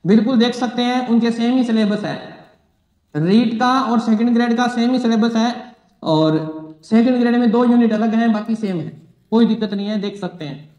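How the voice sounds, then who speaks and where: A man's voice: extremely high pitch, normal speed, a little mellow. A man teaching an exam-prep psychology lesson, repeating key phrases and asking and answering his own questions. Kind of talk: exam-prep classroom lecture. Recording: echoey room.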